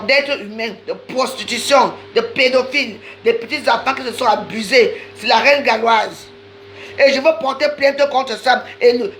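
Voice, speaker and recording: A woman's voice: on the high side, fairly bright tone, a little hiss or hum, rough recording. A woman delivering a heated, accusatory live-stream rant, talking straight to her viewers and repeating phrases for emphasis. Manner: accusatory, insistent, addresses viewers directly.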